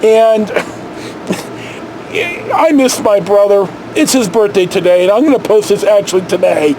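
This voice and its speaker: His voice sits high and he takes his time as this middle-aged American vlogger swears his way through rambling, lively personal stories. Shot indoors on an arm's-length camera, the low-quality recording carries slight background noise.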